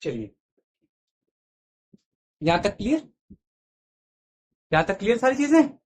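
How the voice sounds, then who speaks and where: A man with a slightly high voice and huge pitch swings takes his time teaching English grammar, repeating each word list and checking understanding with "theek hai." His voice occasionally fades as he moves from the mic to the board. Slight background noise is audible.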